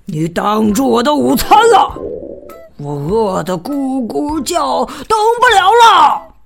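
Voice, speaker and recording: A woman voicing a rude, hungry male elephant who talks loud and rough in a storybook reading. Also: high voice, big pitch swings, slow, faint music behind, full character voice.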